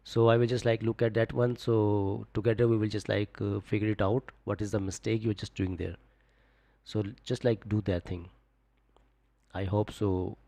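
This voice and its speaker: A gravelly, low-leaning voice at normal speed belongs to a young man streaming live about forex trading. He reads viewers' comments and coaches them in a laid-back manner, full of repeated "just, like" fillers.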